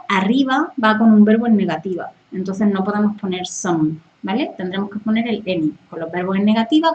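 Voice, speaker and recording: A woman's voice: medium pitch, a little mellow, highs cut off. Spanish-accented woman teaching English online. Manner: switches between Spanish and English, checks in often with "¿vale?". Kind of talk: live online grammar lesson.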